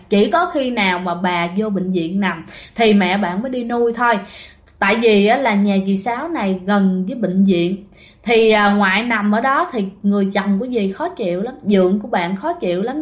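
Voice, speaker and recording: A woman telling a ghost story in a chatty way, often speaking straight to her listeners. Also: medium pitch. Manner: chatty, addresses listeners directly. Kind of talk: casual ghost story narration.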